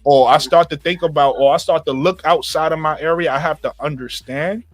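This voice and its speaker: A man's voice: a little high, steady tone, fairly quick. A man from Brooklyn with a New York accent, talking emphatically in a casual group discussion, repeating phrases and calling people bro.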